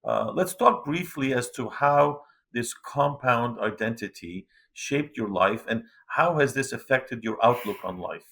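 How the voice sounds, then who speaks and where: A man interviewing a guest, asking formal questions in a measured, slightly halting way. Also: medium pitch, animated, creaky, a bit bright.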